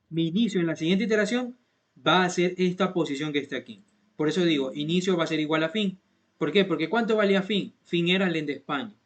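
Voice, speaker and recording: With a fairly high pitch, a man who teaches programming leads his students through code step by step. His manner is that of a classroom lesson: patient repetition of each point and frequent checks that everyone follows.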